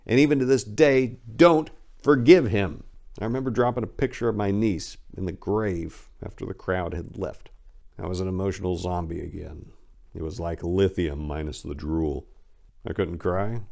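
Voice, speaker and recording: Acting as host, a man with a voice on the low side gives an expressive dramatic reading like a personal memoir, moving between emphatic and hushed delivery.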